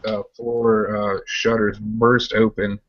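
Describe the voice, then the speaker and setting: A man's voice: lowish voice, little pitch movement, takes it slowly, muffled recording. A man narrating as game master for a tabletop game, hesitant with many fillers.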